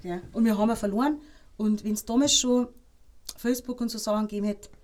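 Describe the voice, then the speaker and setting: A woman with a Bavarian accent, a podcast guest telling lively anecdotes in casual chat and laughing between them. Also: on the high side, fast talker. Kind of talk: casual storytelling.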